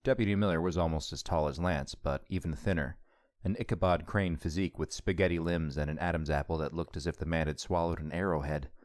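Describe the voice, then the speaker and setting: A man narrating an audiobook in a steady, measured reading. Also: extremely low pitch, dry recording, studio quality.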